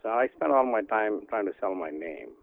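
Older guy from india calling in, lowish voice, tinny phone sound, keeps stopping and restarting. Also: animated, vocal fry, dry recording. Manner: halting, many fillers and restarts. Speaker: guest author. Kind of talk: phone interview. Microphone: telephone.

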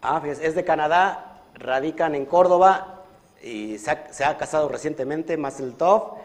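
A Kabbalah teacher and community leader leads a livestreamed religious study lesson, earnestly putting questions to his audience and stretching out key words. His voice is a little high and his pace moderate.

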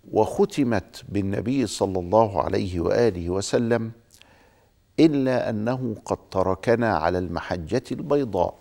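Mellow low-voiced man lecturing in Standard Arabic. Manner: speaks formal Standard Arabic; deliberate, rhetorical phrasing with questions. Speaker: host of a religious programme. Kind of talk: formal religious lecture to viewers.

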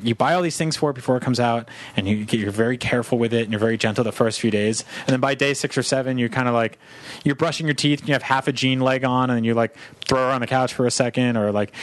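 A man co-hosting a podcast, telling a profane, animated story in casual chat and laughing as he goes. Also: medium pitch, no echo. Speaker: podcast co-host.

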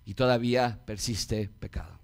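A man preaching a passionate sermon in a church, swinging between loud appeals and hushed warnings. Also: lowish voice, moderate pace, creaky. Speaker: pastor.

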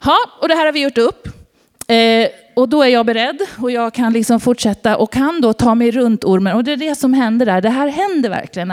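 A woman's voice: a little high, darkish tone. A woman from Sweden giving an informal sermon, telling personal stories and asking the congregation questions. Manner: conversational, asks the audience questions. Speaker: preacher.

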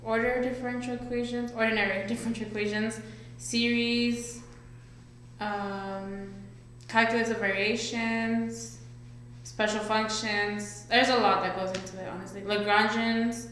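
A woman's voice: on the high side, flat delivery, unhurried, a bit bright, slight background noise. A young woman in her twenties, a physics student, explaining earnestly in a casual chat. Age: 20s. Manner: earnest, listy, thoughtful. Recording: very echoey room.

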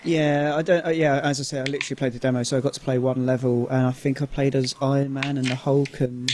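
A man's voice: medium pitch, level tone, fast talker, a little mellow, a little hiss or hum. A man in casual podcast conversation, hesitant and full of fillers. His humor is dry and sarcastic. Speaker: podcast co-host. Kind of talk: casual chat.

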